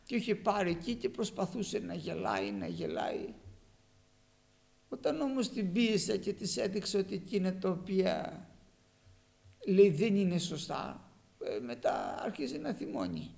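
A man preaching a sermon with passion, moving between loud emphatic lines and quiet asides, with a gravelly voice. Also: sits high, wildly swooping pitch.

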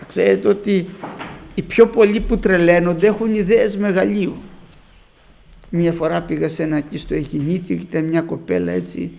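A man's voice: high-pitched, gravelly. A man preaching a sermon, telling stories and acting out the people he quotes. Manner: storytelling, lively retelling with acted quotes.

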